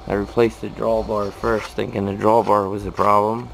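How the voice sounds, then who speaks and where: In a noisy amateur recording made in an indoor machine shop, a California machinist talks through a repair with a fairly low, level voice at normal speed, marked by vocal fry. He's an American man whose hands-on demonstration is casual, plain-spoken and matter-of-fact.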